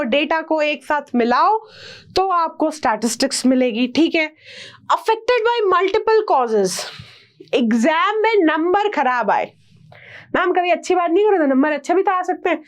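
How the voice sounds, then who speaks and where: Indian woman teacher, very high voice, mock-scolds and teases her students. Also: expressive, measured pace. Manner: scolding, teasing, addresses students directly. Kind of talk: online class lecture.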